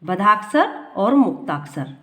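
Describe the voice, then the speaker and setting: A woman teaching a grammar lesson. She reads from her notes and often repeats a line slowly to explain it. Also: medium pitch, very animated, fairly bright tone. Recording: echoey room.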